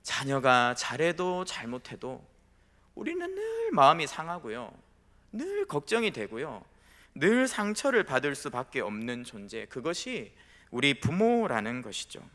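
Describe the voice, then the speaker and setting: A male pastor delivers a sermon through stories, performing the quoted voices of his characters. He speaks unhurriedly in a sharp, mid-range voice with huge pitch swings, and the church sanctuary adds long hall reverb.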